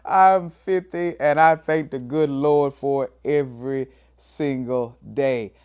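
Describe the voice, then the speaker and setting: This pastor and show host in his fifties speaks slowly in a steady, darkish, clean tone. Preacherly and emphatic, he swings his pitch for emphasis during his motivational talk and frequently says "man."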